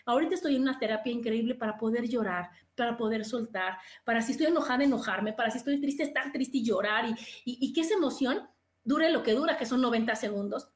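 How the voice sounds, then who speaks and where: A Mexican woman hosting a podcast in casual live chat, expressive, acting out little inner voices and restarting her sentences. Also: high-pitched, reverberant. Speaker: podcast host.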